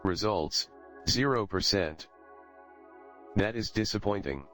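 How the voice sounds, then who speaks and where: A man voicing a stiff, formal game robot researcher that poses as a fellow human, speaking in a deadpan announcer style. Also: fairly low pitch, takes it slowly. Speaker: in-game host voice. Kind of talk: scripted game dialogue. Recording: game audio with background music.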